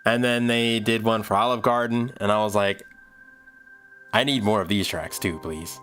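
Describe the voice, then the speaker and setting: With soft music behind him, a man in his thirties streams himself making music, rambling and thinking out loud in casual chat. His voice is fairly low with a fairly bright tone, at a moderate pace.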